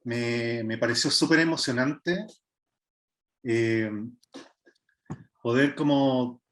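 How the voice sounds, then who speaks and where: A man's voice: mid-range voice, slow pace, fairly bright tone. A man in his thirties with a Chilean accent, a visual artist giving an online workshop and talking in a hesitant way, with many filler sounds and restarts. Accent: Chilean Spanish. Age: 30s. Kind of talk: online art workshop presentation.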